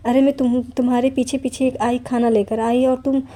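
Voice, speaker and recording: A woman's voice: on the high side, level tone, moderate pace, warm tone, close to an everyday voice. A woman voicing a proud, stubborn young woman in an audio story, speaking in an indignant, scolding way. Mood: annoyed. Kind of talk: audiobook character reading.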